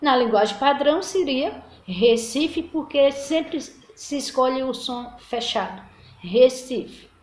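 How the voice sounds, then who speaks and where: A woman's voice: high-pitched, expressive, slow pace, hardly any pauses. Chatty woman teacher in an echoey room. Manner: chatty, repeats words and restarts often. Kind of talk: casual recorded lesson.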